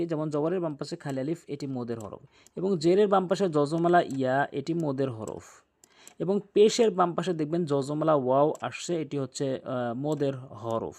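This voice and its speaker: A man teaching a tajweed pronunciation lesson who demonstrates Arabic sounds slowly and repeats them for the listener. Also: on the high side, a little mellow. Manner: drawn-out Arabic recitation examples. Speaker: Quran recitation teacher.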